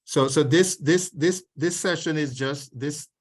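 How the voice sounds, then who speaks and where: A man hosting an online information session over a video call, speaking in a formal, measured way with frequent restarts. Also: fairly high pitch. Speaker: programme host.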